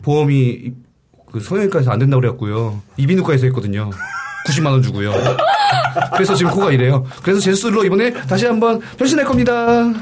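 A man's voice: mid-range voice, very animated, very noisy. A young man in his twenties, a guest answering politely and eagerly on a talk show. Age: 20s. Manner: polite, eager, quick replies. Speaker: guest, event host and manager. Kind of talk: casual talk show chat.

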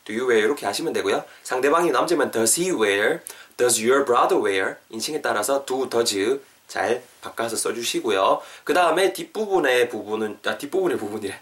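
A man's voice: medium pitch, lively intonation, a bit bright, recorded from a distance. A man with a Korean accent, a native Korean speaker, hosting a casual podcast English lesson. He chats along, spells words out letter by letter and corrects himself as he goes. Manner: chatty, spells words out slowly, self-corrects. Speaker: English teacher, podcast host.

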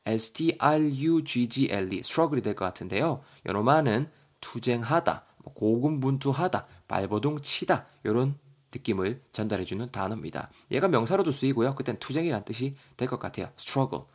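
A man teaching English vocabulary on a podcast, chatty and lively, spelling words out letter by letter. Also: medium pitch, moderate pace.

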